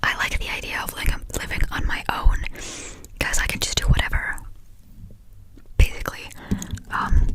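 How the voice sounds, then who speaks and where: A young woman from Finland whispering a fast, scattered, casual ASMR ramble with breathy delivery and frequent hesitations while chewing gum. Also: rough recording. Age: young adult, about 18. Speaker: ASMR creator.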